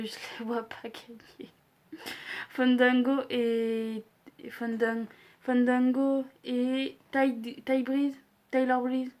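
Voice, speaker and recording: Young woman vlogger, slow and hesitant, flat delivery, higher-pitched, casual predictions chat. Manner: hesitant, many fillers, self-deprecating. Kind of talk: casual wrestling predictions vlog.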